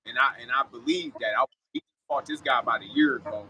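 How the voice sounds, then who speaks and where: A man's voice: medium pitch, fast, sharp tone, slight background noise, poor audio. A man giving his opinions in a casual sports reaction video, repeating phrases for emphasis as a guest commentator.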